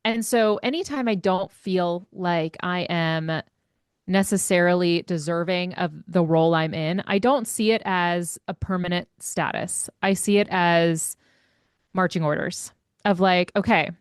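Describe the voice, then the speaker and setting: A woman's voice: on the low side, a little slow, clear, resonant tone, no room sound, clean studio sound. A woman educator and author talking casually in an interview, chatty and self-deprecating, often laughing at herself.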